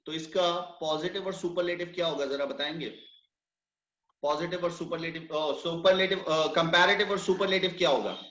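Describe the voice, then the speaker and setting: A man gives an unhurried online grammar lecture and quizzes his students by name. His voice sits a little high for a man and comes through a roomy, dull-sounding recording. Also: fairly even intonation, fairly bright tone. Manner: slow, questioning students by name. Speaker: teacher. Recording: echoey, dull online class audio.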